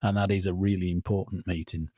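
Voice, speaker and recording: A man's voice: low voice, flat delivery, fast talker, dark tone, dry recording, clean studio sound. A British man hosting a railway podcast, bantering and reading listener mail in a jovial, self-deprecating way. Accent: British English. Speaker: podcast host.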